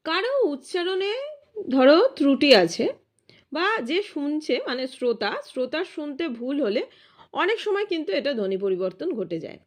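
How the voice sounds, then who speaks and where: A woman's voice: high voice, very animated, normal speed. A woman teaching a grammar lesson online, explaining step by step and asking the students questions.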